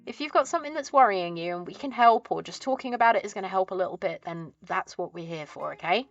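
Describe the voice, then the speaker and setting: A woman's voice: medium pitch, lively intonation, fast talker, dry recording, lo-fi sound, faint music behind. A woman with a southern English accent chatting casually as a livestream host, chirpy and friendly in a cute streamer manner.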